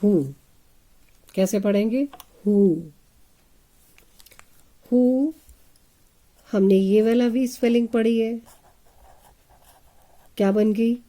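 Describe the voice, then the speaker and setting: Speaking very slowly and pausing often, a woman with a fairly high, warm voice leads children through a phonics lesson. She spells English words one letter at a time, sounds them out, and asks questions of the pupils, whom she calls children.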